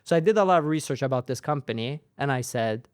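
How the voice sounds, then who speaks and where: Speaking quickly in a clear, resonant mid-range voice, a young male company founder recounts his story during a relaxed interview. Persian is his first language, though he was raised in Sweden; he's lively, uses tag questions, and repeats phrases for emphasis. The sound is dry and studio quality.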